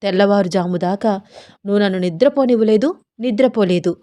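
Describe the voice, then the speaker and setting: A shy, flustered young wife, protesting coyly in a mid-pitched voice, as read by a woman storyteller. Her lines come quick and bashful in a storybook romance. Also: mellow, close to an everyday voice. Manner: protesting, coy.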